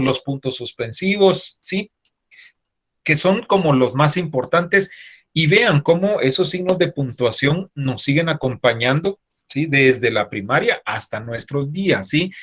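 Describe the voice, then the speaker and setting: Man teaching a class over a video call, husky voice. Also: a little high, a bit bright. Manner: explains step by step, often checks with a questioning "¿sí?". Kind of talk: online class lecture.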